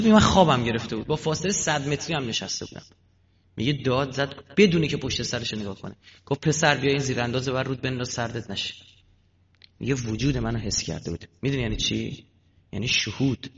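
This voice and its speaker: A man preaching a sermon. He tells stories with animated delivery, swings from loud emphasis to hushed asides, and asks his listeners questions that he answers himself. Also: mid-range voice. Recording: dull lo-fi recording with long hall reverb and faint noise.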